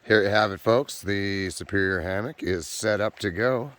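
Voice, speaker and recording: A backpacking vlogger narrates his trip to the camera on a hiking trail beside a creek, his fairly low, slightly bright voice going hoarse. At a normal speed, he's chatty and self-deprecating, speaking straight to viewers.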